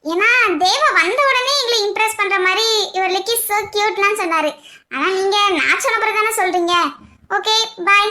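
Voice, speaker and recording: A woman's voice: very high voice, normal speed, bright, forceful tone. A woman voicing a bold young college student from a village in a cartoon, speaking bluntly and with self-assurance. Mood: cheeky.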